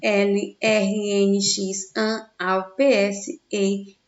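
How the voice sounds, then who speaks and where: This recorded Brazilian Portuguese grammar lesson for kids features a woman teacher whose medium-pitched voice moves little in pitch. Speaking slowly, she leans on stressed syllables to sound out words, posing questions to the class and supplying the answers herself. The room sounds dull and echoey.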